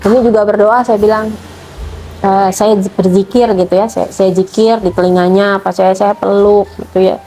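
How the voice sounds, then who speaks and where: A woman's voice: steady tone, moderate pace, warm tone. A middle-aged woman telling a personal testimony about her child, emotionally retelling events and acting out the dialogue. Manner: emotional retelling, acts out dialogue with rising pitch. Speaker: mother telling her conversion story.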